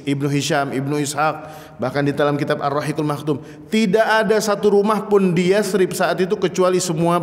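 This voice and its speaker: Jokey preacher man in an echoing mosque. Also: fairly high pitch. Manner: jokey, acts out dialogues in different voices. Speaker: Islamic preacher. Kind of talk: humorous religious study lecture. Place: mosque hall. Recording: long mosque hall reverb.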